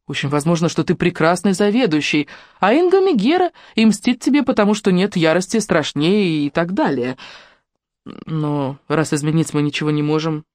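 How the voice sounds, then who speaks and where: A narrator voicing a soft-spoken frank woman friend. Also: mid-range voice, dry recording, studio quality, natural voice. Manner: soft, calm tone. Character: gentle, frank female friend. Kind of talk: audiobook reading.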